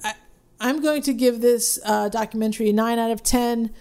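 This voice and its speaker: A woman co-hosting a casual chat, rambling with restarts and getting animated when she rants. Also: on the high side, moderate pace. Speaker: podcast co-host.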